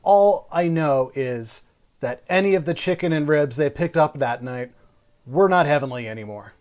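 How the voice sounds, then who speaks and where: Wry self-deprecating comedian, higher voice. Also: male voice, normal speed, a little mellow. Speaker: stand-up comedian. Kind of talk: comic storytelling monologue.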